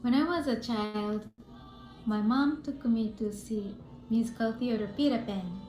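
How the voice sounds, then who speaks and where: A woman's voice: a little high, measured pace, a little mellow, soft background music. A woman with a Japanese accent, originally from Japan, telling her personal story as a performer in simple, careful phrasing. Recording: echoey room.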